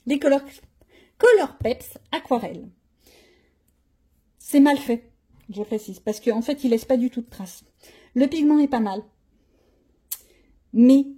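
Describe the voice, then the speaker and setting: Her voice is fairly high, warm and husky. A middle-aged woman shows off her art supplies in relaxed chat, thinking out loud as she goes and adding blunt, slangy comments.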